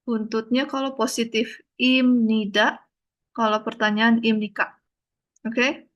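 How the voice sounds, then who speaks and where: Patient teacher on a video call. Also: female voice, on the high side, flat delivery, slow pace, a bit bright, lo-fi sound. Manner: patient, repeats and spells out each point. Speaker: online Korean language teacher. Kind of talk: online class teaching.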